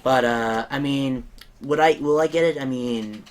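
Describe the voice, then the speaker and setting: A man's voice: medium pitch, unhurried. A young man hosting a casual gaming podcast, rambling with lots of fillers and restarts. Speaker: podcast host. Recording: faint background noise.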